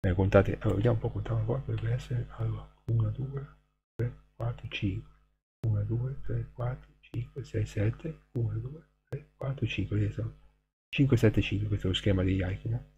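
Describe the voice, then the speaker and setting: A man's voice: on the low side, creaky, lo-fi sound. A man streaming live, casually reading short poems aloud and counting their syllables in a hesitant way. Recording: noisy hum behind the voice.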